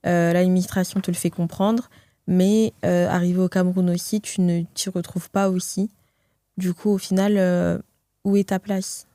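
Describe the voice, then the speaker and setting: Woman host, casual and probing, mellow tone, dry close recording. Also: lowish voice, level tone, normal speed, no echo. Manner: gentle, probing questions with fillers. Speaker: interviewer. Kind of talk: casual podcast conversation.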